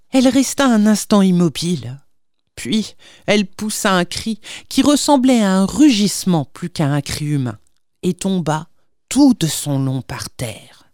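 Brief: a woman reading a children's story aloud, slow, very lively pitch, dry sound. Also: dry recording. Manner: measured, expressive reading. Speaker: audiobook reader. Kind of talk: storybook narration.

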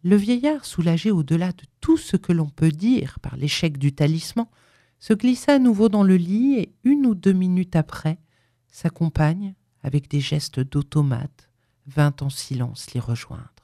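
A woman reading a horror story aloud in a hushed, suspenseful way. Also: on the low side, lively intonation, unhurried, dry recording. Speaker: narrator.

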